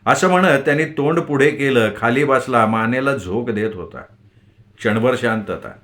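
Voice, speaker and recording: A man's voice: mid-range voice, moderate pace, a bit bright. A man narrating a novel as an audiobook storyteller, reading steadily and expressively.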